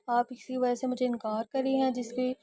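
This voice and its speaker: A woman's voice: high voice, level tone, mellow, no echo, natural voice. A woman reading the part of a lovesick gangster man who earnestly pleads his love in an audio novel. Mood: pleading.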